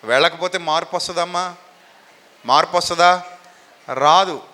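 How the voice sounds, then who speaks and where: A man preaching a sermon with a high, bright, forceful voice that rings through a hall with long reverb. He is lively and keeps throwing questions at his congregation for them to answer. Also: normal speed. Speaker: pastor.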